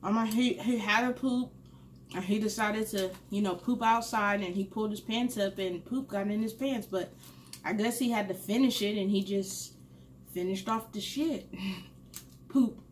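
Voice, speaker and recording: Young woman host, casual storytelling between bites, blunt and animated, close mic with faint background hum. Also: mid-range voice, normal speed. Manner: candid and animated, swears freely, laughs at her own story. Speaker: mukbang host. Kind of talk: casual storytelling while eating.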